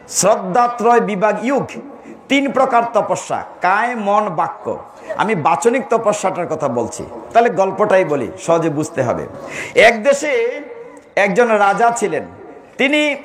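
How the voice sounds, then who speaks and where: A man giving a devotional sermon, telling stories, asking his listeners questions and acting out quoted lines. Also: sits high. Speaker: preacher.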